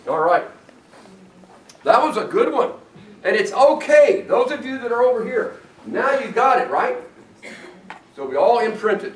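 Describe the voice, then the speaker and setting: A man giving a lively, playful university geology lecture to students in a lecture room. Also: high voice, slight background noise. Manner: animated, playful, talks to students. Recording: echoey room from far off.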